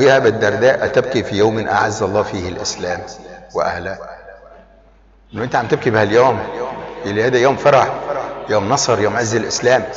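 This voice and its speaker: A man preaching, driving his sermon forward with rhetorical questions. His voice carries through a large, echoey hall with a long reverb, and the crowd can be heard clearly behind him on a dull, lo-fi recording. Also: medium pitch.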